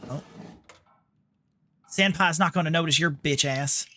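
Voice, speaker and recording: This game streamer, an American-accented New Yorker, delivers laid-back gameplay commentary full of sarcasm and swearing. He speaks unhurriedly in a sharp voice on the high side, with slight background noise.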